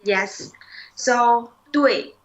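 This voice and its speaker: A young woman teaching a relaxed one-on-one language lesson. She talks patiently, fills her explanations with "like" and "um", and says new words slowly to model them. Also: on the high side, highs cut off. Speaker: Chinese teacher.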